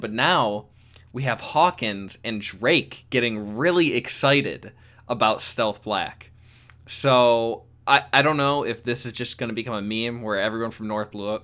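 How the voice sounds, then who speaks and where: A young man chatting casually in a solo manga review, rambling with many restarts and growing excitable. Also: lowish voice. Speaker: YouTube manga commentator.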